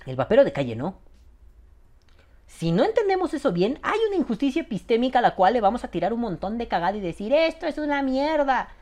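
A man's voice: sits high, fast talker. A man in his thirties with a Mexican accent, a show host ranting casually and profanely, often imitating other people. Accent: Mexican Spanish. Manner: profane, animated, mimics other people's voices. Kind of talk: casual rant monologue.

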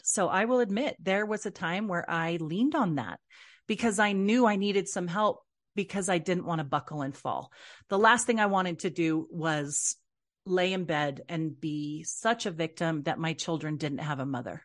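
A woman in her forties talking frankly to listeners about single motherhood, in an earnest, confiding manner. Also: on the low side. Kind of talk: personal advice talk.

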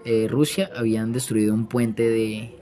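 A man's voice: lowish voice, flat delivery, unhurried, mellow. A man in his late teens with a Colombian accent, chatting casually and slangily like a podcast host. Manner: slangy, banter-prone. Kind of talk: casual chat.

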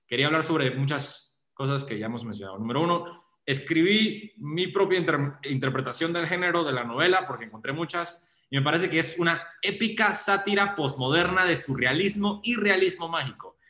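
Man breaking down a novel, sharp bright voice, roomy echo. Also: on the high side, animated, brisk. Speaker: book club discussant. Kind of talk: casual book discussion. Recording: echoey room.

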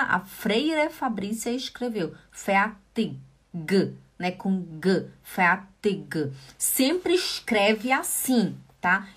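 A woman from Brazil teaching German in a casual online lesson, chatty and patient, repeating examples slowly and checking in with her viewers. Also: fairly high pitch. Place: lives in Switzerland.

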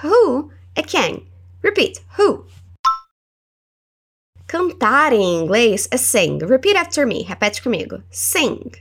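A woman with a Brazilian Portuguese accent hosting a language lesson podcast. She is encouraging and slows down to model English words for the listener to repeat. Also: fairly high pitch, slightly rough. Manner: animated and encouraging, models words slowly for repetition. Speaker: English teacher and podcast host.

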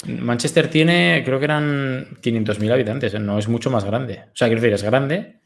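A man's voice: mid-range voice, normal speed, gravelly. A man with a Spain Spanish accent and an ordinary mid-range voice. He chats as a podcast guest. He tells long, winding anecdotes with a casual, profane edge. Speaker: guest commentator. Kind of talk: casual chat.

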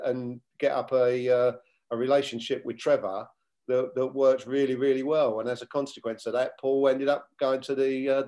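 A man in his sixties, a former footballer and coach, telling his story as a guest in a measured way, retelling old conversations. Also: medium pitch, darkish tone. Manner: measured, many fillers and restarts, retells dialogue. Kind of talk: reflective interview storytelling.

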